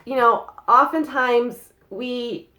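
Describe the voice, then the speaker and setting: Fairly high-pitched, pushed and bright, this young woman's voice is also slightly nasal from a cold. As a psychic card reader, she gives her viewers a casual tarot-style reading, chatting freely with lots of fillers and quick "okay?" checks.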